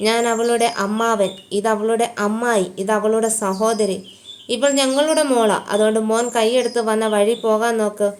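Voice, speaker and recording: A woman's voice: fairly high pitch, fairly even intonation, normal speed, darkish tone, a little hiss or hum, close to an everyday voice. A woman voicing a scheming middle-aged uncle who scolds harshly in private and speaks sweetly in company, in a storybook reading. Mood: smooth.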